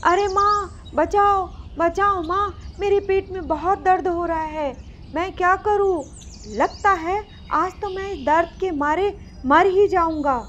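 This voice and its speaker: A woman's voice: high-pitched, measured pace, slight background noise. A woman voicing a stubborn, greedy young boy rat in a storybook cartoon, with a whiny, pleading manner. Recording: slightly muffled recording.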